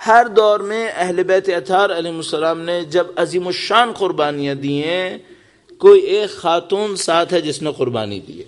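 A man preaching a mourning sermon, impassioned and building to lamenting cries. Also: on the high side.

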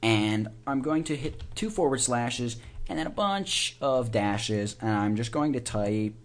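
A man teaching software in a casual screencast, informally talking through each click and keystroke as he does it. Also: mid-range voice, lively intonation, a little slow. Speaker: software tutorial instructor. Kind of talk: casual step-by-step screencast tutorial.

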